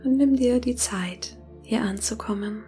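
A woman guides a meditation in a soft, breathy near-whisper, slowly and calmly with long pauses. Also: on the high side, soft background music. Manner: slow, calming, long pauses between phrases. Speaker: meditation guide and podcast host.

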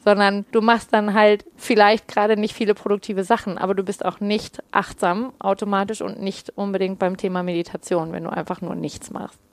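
A woman coaching on mindfulness in a casual podcast conversation, explaining calmly with everyday examples. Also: medium pitch, fairly quick, no echo. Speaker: mindfulness coach answering listener questions.

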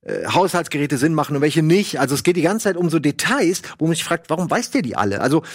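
A man casually reviewing a book in a video, rambling with lots of fillers and lively asides. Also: fairly high pitch, quick pace, no echo, clean studio sound.

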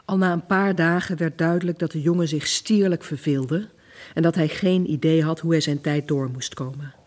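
A woman's voice: low voice, a little mellow. A woman author, a native Dutch speaker from the Netherlands, answering thoughtfully and reading from her own novel. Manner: slow, thoughtful, searching for words. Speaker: author, guest.

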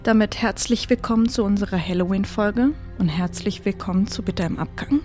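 A woman from Austria co-hosting a comedy podcast, teasing and mischievous with deadpan jokes. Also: medium pitch, fairly quick, faint music behind. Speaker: podcast co-host.

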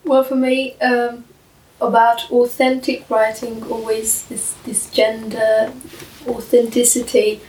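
A woman's voice: a little high, level tone, slow, a little mellow, distant mic. A woman as a first-time guest on a casual podcast chat, speaking eagerly and searching for words. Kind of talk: casual round-table chat. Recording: echoey and off-mic with faint noise.

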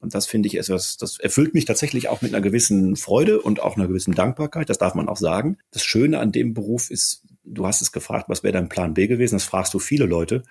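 A man in his fifties, a managing director as podcast guest, speaking in a measured, reflective way with restarts. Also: on the low side, expressive, gravelly, a little mellow, breathy edge. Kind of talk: thoughtful podcast conversation.

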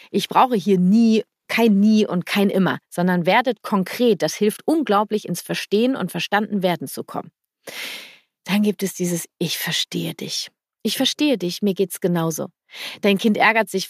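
A woman's voice: medium pitch, dry recording, studio quality. A woman hosting a parenting podcast, giving direct, practical advice in an informal way and offering example phrases to say to children. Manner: informal, blunt at times.

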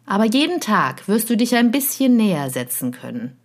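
A woman voicing a gentle, wistful male fox in a storybook reading, talking in an earnest, pleading manner. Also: medium pitch, very animated, normal speed, pitched above the performer's own voice.

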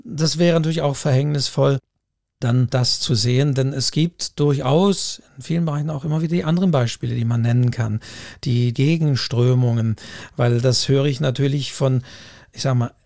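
A man's voice: mid-range voice, moderate pace, gravelly, darkish tone, dry recording, studio quality. A man co-hosting a podcast, talking things through in a thoughtful, hedging way and often repeating his phrases. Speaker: podcast co-host. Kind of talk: casual discussion.

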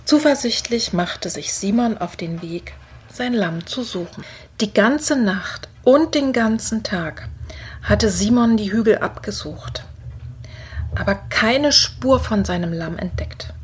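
A woman reading a children's Christmas story aloud in a soft, partly whispered storytelling voice. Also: medium pitch, lively intonation, slow, a little hiss or hum.

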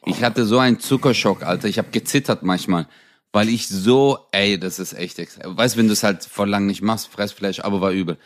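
A young man co-hosting a comedy podcast, telling stories in a lively, casual way and acting out the voices of people in them. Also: fairly low pitch, normal speed. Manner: animated, acts out voices in anecdotes, laughs often. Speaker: podcast co-host. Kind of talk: casual comedic chat, storytelling.

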